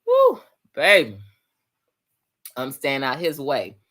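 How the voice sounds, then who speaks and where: Animated, slangy woman host. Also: rumbling low, slow pace. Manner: animated, slangy, acts out quoted friends. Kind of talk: casual chat reading listener comments.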